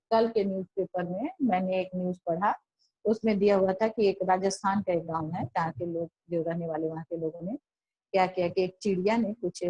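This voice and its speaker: A woman teacher giving a classroom lesson, reading lines slowly and then explaining them in Hindi, often repeating and rephrasing. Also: lowish voice, mellow, no echo, highs cut off.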